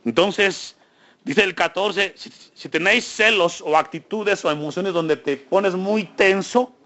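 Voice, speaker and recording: A man's voice: high-pitched, a little slow, sharp tone. A male pastor preaching a sermon in a church, asking the congregation frequent questions and building emphasis.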